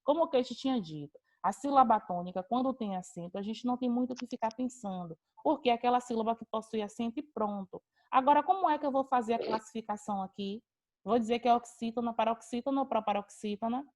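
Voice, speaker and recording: Woman, teacher, encouraging, online class, fairly high voice. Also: fast talker, darkish tone. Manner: encouraging, praising students by name. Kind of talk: online class on a video call.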